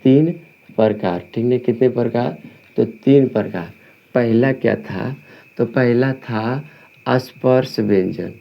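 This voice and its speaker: A man teaching Hindi grammar in a Bihari Hindi accent, with a gravelly, creaky voice at a middle pitch. He dictates slowly, drawing words out and repeating his questions before answering them himself. The recording sounds dull and lo-fi. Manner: repetitive, asks and answers own questions; slow dictation, drawn-out words.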